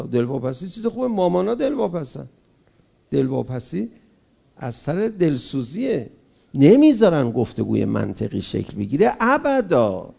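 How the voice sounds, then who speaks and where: A man speaking to an audience in a fervent, rhetorical manner, often turning to his listeners with direct questions. His voice sits high, with a gravelly, creaky grain. The tone is dark and mellow rather than bright. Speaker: public speaker. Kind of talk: impassioned public speech to an audience.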